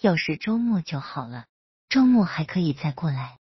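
A gentle, devoted young man, as a woman narrator puts him on in a read-aloud storybook, soft-spoken and protective. The voice is low and strongly husky, with a dry sound. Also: sing-song, normal speed, no room sound, lo-fi sound, exaggerated voice. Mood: tender. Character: gentle devoted young male senior student.

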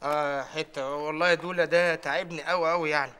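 A man's voice: on the high side, fairly even intonation, quick pace, pushed and bright, smooth. An actor playing a lazy, grumbling young bazaar assistant with an Egyptian accent, whining his comebacks in a sitcom. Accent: Egyptian Arabic. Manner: whiny, mumbling comebacks. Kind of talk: sitcom acting.

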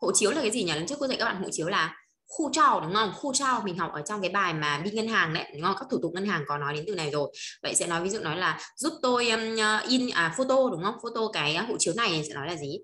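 A woman teaching a language lesson, drilling words slowly and repeating them, often stopping to check that her students follow. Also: medium pitch, lively intonation, bright, forceful tone, roomy sound. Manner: asks frequent checking questions.

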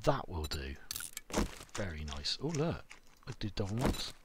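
A man's voice: deep voice, sing-song, a little slow. A man talking to himself as he plays a survival game, muttering and swearing mildly. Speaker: gaming YouTuber. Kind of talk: let's play commentary. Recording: loud game noise behind.

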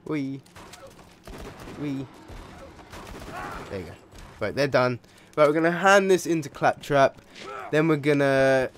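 A man talks through his video game session in loose, running let's play commentary, cursing freely and breaking into sudden excited yelps. His voice sits at an ordinary middle pitch. A faint hiss of background noise runs under the home microphone recording. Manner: chatty, swears a lot, sudden excited yelps. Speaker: gaming video creator. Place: home room.

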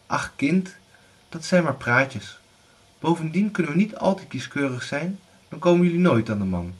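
A man's voice: fairly high pitch, expressive, normal speed, slightly rough, voice pushed up. A man voicing a scheming middle-aged widow who pushes her daughters to marry well, with a pushy, coaxing manner.

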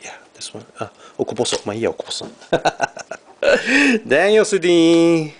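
Slow, lively-pitched man opening hockey cards. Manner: mixes Japanese and English, reads out card names, chuckles often. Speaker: box break show host. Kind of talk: casual card-opening commentary.

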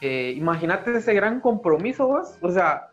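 A man's voice: high-pitched, big pitch swings, a little slow, highs cut off, soft background music. A young man with a Central American Spanish accent, co-hosting a casual podcast chat, joking and slangy, laughing often. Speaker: podcast co-host.

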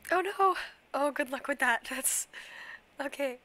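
A sniffly young woman with a cold livestreams gameplay from her bedroom, chattering casually and humming nonsense noises. She speaks a little slowly in a high, sharp-toned voice.

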